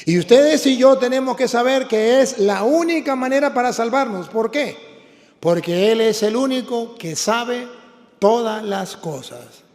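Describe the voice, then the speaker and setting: Emphatic priest preaching. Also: male voice, very high voice, lively intonation, a little slow, a little mellow, in a large hall. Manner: emphatic, repeats lines for the congregation. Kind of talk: sermon.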